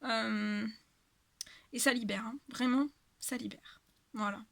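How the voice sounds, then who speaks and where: A woman reads tarot cards in a loose, rambling monologue, circling back on her words and filling pauses. Her voice sits a little high and sounds worn from talking for a long time. The recording is dry and close, with no room sound. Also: fairly even intonation, creaky, no echo. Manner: hesitant, many fillers and repetitions. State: tired voice after an hour of talking. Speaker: tarot reader. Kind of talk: casual spiritual guidance monologue.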